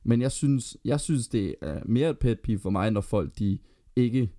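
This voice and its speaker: A man's voice: mid-range voice, animated, warm tone. A Danish man co-hosting a podcast in casual chat, arguing his point and telling long anecdotes. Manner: argumentative, tells long anecdotes. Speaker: podcast co-host.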